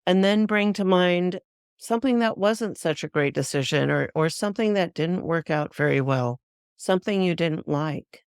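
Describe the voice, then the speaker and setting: A woman hosts her own spiritual podcast and talks listeners through a practice in a calm, measured way. Her voice is smooth and clear. The sound is dry and close, with no room in it. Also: lowish voice, dry recording. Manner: calm, measured, guiding explanations. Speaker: spiritual teacher, podcast host. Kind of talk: instructive solo talk.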